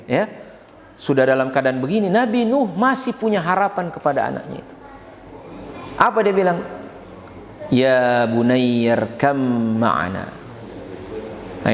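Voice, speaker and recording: A man giving a mosque sermon, talking in an animated way and tagging his sentences with quick asides to the listeners. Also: high-pitched. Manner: animated, frequent tag questions. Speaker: preacher. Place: mosque hall. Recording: reverberant mosque hall, faint ambience.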